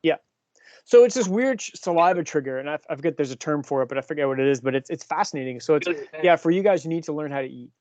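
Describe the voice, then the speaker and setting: A man's voice: fairly high pitch, expressive, quick pace, a little mellow, no room sound, lo-fi sound. A man in his fifties, a cycling coach chatting and explaining things to his team, often asking them questions. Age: 50s. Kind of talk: casual team talk.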